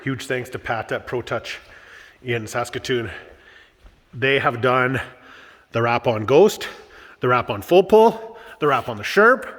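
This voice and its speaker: A man's voice: medium pitch, measured pace, pauses often, fairly bright tone. Male vlogger, congested and cheerful, recorded in a roomy space with a long echo. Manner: upbeat and chatty, laughs often. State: stuffed-up nose. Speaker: vlog host. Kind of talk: casual build vlog narration. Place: workshop house under renovation, indoors.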